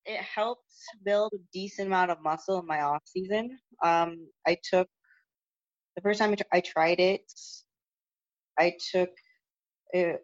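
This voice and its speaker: Over muffled phone-call audio, a young competitive lifter gives a loose, chatty interview full of fillers and restarts. Her voice has lost its upper register and is no longer high.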